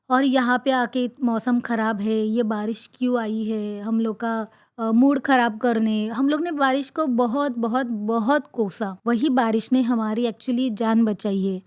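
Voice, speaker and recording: A woman podcast host recounting her own trip in earnest, halting personal storytelling, with frequent pauses and fillers and words repeated for emphasis. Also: fairly high pitch, a little mellow, dry recording, studio quality.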